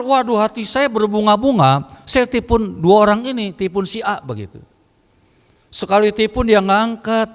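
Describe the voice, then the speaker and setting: A man in his sixties giving a lively, joking sermon testimony at a church prayer meeting. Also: high-pitched. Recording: reverberant hall.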